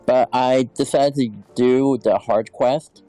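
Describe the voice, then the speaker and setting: A man's voice: medium pitch, fairly even intonation, slow, mellow, no echo, soft background music. A man chatting casually over a phone voice-chat line while gaming. His audio keeps cutting in and out, so he trails off mid-word. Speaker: gamer on voice chat. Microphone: phone on push-to-talk voice chat.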